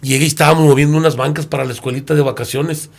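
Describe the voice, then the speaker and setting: A man's voice: on the high side, fairly even intonation, rapid-fire, gravelly. A man in his sixties with a Mexican Spanish accent, a pastor talking through a Bible lesson and telling stories in which he acts out the characters. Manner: storytelling, acts out quoted characters. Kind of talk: sermon-like Bible lesson discussion.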